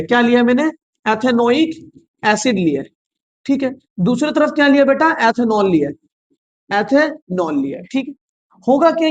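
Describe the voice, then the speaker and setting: Coaxing male science teacher. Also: extremely high pitch. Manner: repetitive quizzing, calls students "beta"; coaxing, reassuring. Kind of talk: online class lecture.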